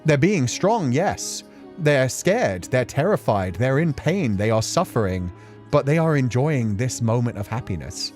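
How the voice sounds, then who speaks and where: A streamer hosting a game playthrough offers casual, reflective commentary in an earnest, emotional, rambling way, with music in the background. His mid-range voice is sing-song and a little mellow, at a measured pace.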